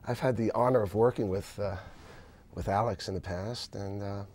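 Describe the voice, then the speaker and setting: Low-voiced male talk show host. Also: fairly even intonation, normal speed, darkish tone. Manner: hesitant, many fillers and restarts. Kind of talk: casual interview chat.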